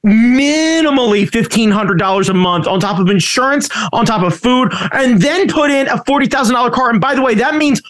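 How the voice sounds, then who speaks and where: A man's voice: extremely high pitch, a little fast, few pauses, a bit bright. A man hosting a casual chat, ranting with heavy swearing and sarcastic exasperation. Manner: profane, ranting.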